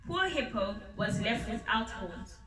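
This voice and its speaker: A woman's voice: a little high, lively intonation, fairly bright tone. Woman reading a children's story aloud. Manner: unhurried, with small slips and restarts. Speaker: storybook reader. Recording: roomy sound from a distant mic.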